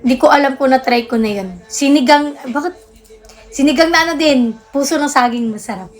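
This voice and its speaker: A woman's voice: high-pitched, a little fast, faint music behind. A young woman hosting a casual livestream, chatting, answering viewer comments and thanking gifters. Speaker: livestream host.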